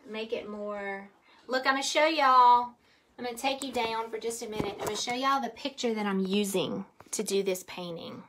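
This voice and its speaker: A woman's voice: fairly high pitch, moderate pace, fairly bright tone, recorded from a distance, a little hiss or hum. A woman, leading a live painting tutorial in a chatty, giggly way. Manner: chatty, giggly, says y'all. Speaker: painting instructor.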